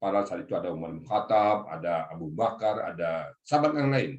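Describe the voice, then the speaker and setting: Speaking briskly in a low voice, a man leads a group through Quran exegesis on a video call, explaining each word's grammar and often saying "Pak" to his listeners. The room is echoey and the highs are cut off.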